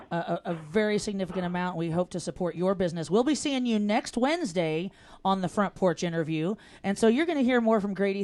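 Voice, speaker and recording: A woman hosts a local radio variety show in a clear, smooth voice. She talks in a chatty, upbeat, playful way, questioning her guest and plugging sponsors. Her pitch sits in a middle range. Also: a little mellow. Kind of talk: casual local radio chat.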